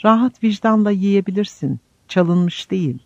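A man voicing a repentant wild man, rough but humble and once a wolf, speaking earnestly in a slightly dull lo-fi audiobook recording. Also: sits high, animated, normal speed, a little mellow, dry recording, pitched above the performer's own voice. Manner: earnest, pleading.

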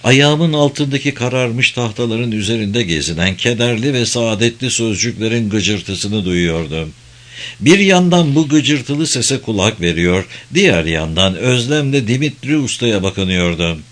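A man reading a story aloud in a measured, literary storytelling manner. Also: lowish voice, lively intonation, fairly bright tone. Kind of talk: scripted narration of a story.

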